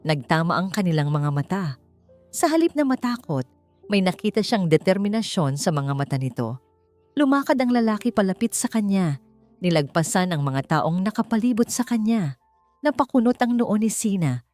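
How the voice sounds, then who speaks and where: In a romance audiobook, the female narrator speaks at normal speed with an expressive, story-driven delivery, reaching higher at dramatic beats. The track has faint background music.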